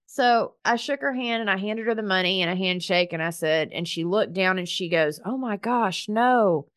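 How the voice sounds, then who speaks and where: A woman's voice: lowish voice, brisk, fairly bright tone, clean tone, no room sound, studio quality. A woman hosting her own podcast as a business coach, talking in a chatty, earnest, faith-filled way with lots of "like" fillers. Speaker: podcast host and business coach for professional organizers. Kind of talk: casual heartfelt solo podcast monologue.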